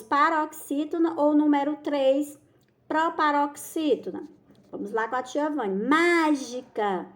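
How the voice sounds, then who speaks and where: Brazilian woman teacher, high voice, patient and affectionate, drags out key words for kids. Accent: Brazilian Portuguese. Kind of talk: recorded school lesson for children.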